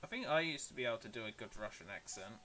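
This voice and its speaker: A British man chats casually with viewers while streaming a game, answering them in a rambling, self-deprecating way. His mid-range voice is very fast and sharp-toned, with lively intonation and faint music in the background.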